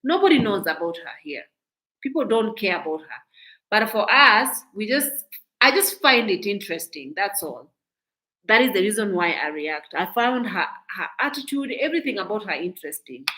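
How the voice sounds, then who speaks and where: A woman with a Kenyan accent delivers reaction commentary straight to her viewers. Her voice sits at an ordinary middle pitch. She talks in an outspoken, indignant way, repeating and restarting phrases as she makes her points. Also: big pitch swings, normal speed, sharp tone, poor audio. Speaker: commentary vlogger.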